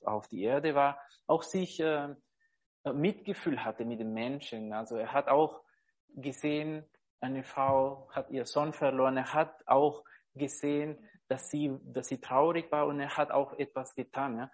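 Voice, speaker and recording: A man giving an informal devotional sermon, earnest and halting, often searching for words and checking in with his listeners. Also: mid-range voice. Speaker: preacher.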